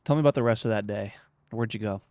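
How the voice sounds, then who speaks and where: A man with a mid-pitched, gravelly voice hosts a conversational interview. He talks in short, emphatic phrases and pointed questions, captured in a dry, close sound. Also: fast, darkish tone, no echo.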